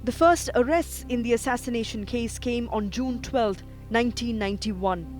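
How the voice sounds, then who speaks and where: Measured male documentary narrator over music. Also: very high voice. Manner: measured, even delivery. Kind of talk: scripted news narration.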